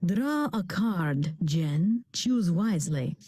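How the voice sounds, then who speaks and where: A woman's voice: fairly low pitch, animated, slow, warm tone, breathy edge, no echo, studio quality, full character voice. A woman playing a theatrical fortune teller who gives blunt budgeting advice in an acted comedy skit. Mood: matter-of-fact, instructive.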